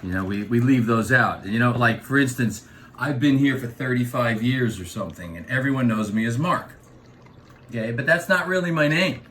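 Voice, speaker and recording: A man's voice: medium pitch, normal speed, fairly bright tone, a little hiss or hum. Wry New York man, comic monologue. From US East Coast. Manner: wry storyteller, playful accent bits.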